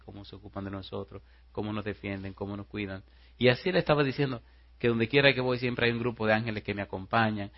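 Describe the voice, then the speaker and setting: A low-voiced man preaches a sermon to his congregation. He moves between hushed storytelling and loud, rising rhetorical questions. The recording sounds slightly dull and muffled. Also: vocal fry. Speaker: pastor.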